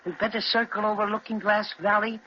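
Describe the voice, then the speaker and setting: A small, feisty teddy bear who bosses others and looks out for his friends, played by a man. The voice sits a bit high. It is heard through a muffled, faintly hissy 1930s radio recording. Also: steady tone, fairly quick, lightly acted. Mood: scheming. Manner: bossy, protective, scolding. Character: cheerful brave little male teddy bear. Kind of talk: 1930s children's radio serial acting.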